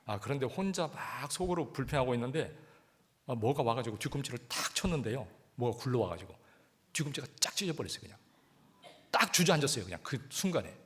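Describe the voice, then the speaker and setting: A man preaching a sermon, conversational and lively, asking the congregation rhetorical questions. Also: mid-range voice. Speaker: pastor. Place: church hall.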